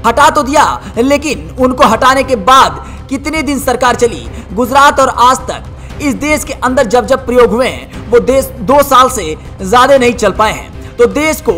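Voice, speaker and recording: A woman reads a news report as a voice-over, her voice sitting high in pitch. She delivers the lines with emphatic, dramatic weight, like headlines. Soft music plays faintly underneath her. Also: expressive, measured pace. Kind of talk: scripted news narration.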